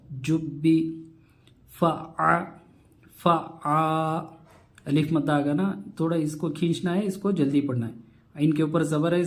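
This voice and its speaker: Man, recitation teacher, slow drawn-out syllables, nasal humming on doubled letters, patient step-by-step repetition, somewhat high voice. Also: darkish tone. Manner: patient, repeats rules step by step. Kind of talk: slow spelled-out recitation lesson.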